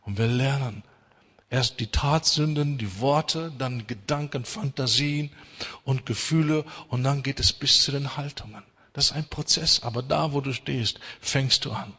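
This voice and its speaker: Man, middle-aged preacher, sermon, bright husky voice, emphatic, long hall reverb. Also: medium pitch, a little slow. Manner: emphatic, swings from loud urging to hushed intensity.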